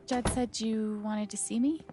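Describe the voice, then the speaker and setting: A woman's voice: on the high side, fairly even intonation, measured pace, over music, lightly acted. A woman acting a kind, self-doubting young woman in a video game, musing hesitantly. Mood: concerned. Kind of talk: video game dialogue and inner monologue.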